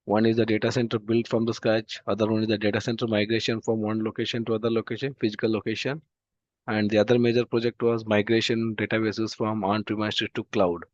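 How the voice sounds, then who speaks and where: Suffering a throat infection that leaves his voice unclear, this database instructor with an Indian English accent delivers an online demo class slowly and haltingly, with frequent "uh"s. His pitch is on the low side and barely moves. The computer-mic video-call audio is dull and dry, with no room sound.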